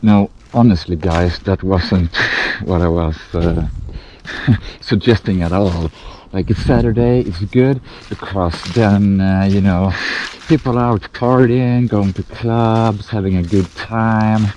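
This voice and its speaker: Male vlogger, lowish voice behind a gas mask, muffled, unhurried casual delivery, faint outdoor noise. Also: darkish tone. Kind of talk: casual outdoor adventure vlog talk to camera. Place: outdoors in a forest. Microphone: action camera at arm's length.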